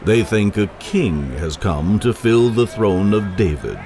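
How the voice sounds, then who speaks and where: An actor playing a smug, condescending older scribe in a radio drama. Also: male voice, on the low side, lively intonation, unhurried, a little mellow, faint music behind. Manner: condescending, pompous.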